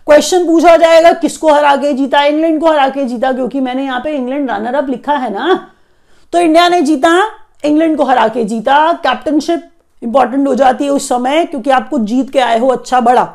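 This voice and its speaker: A woman's voice: high voice, a little fast, darkish tone. A woman teaching an exam-prep current affairs lesson, explaining and repeating key facts so students memorize them.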